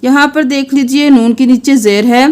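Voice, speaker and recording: High-voiced woman teaching Quran recitation. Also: a little mellow. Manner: patient step-by-step explaining, chanting verses slowly and melodically.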